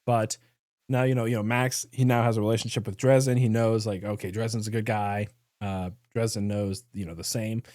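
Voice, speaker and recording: A man hosting a casual book chat, talking excitedly with lots of fillers. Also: on the low side, brisk, no room sound, clean studio sound. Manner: excited, many fillers, frequent laughs. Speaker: podcast host.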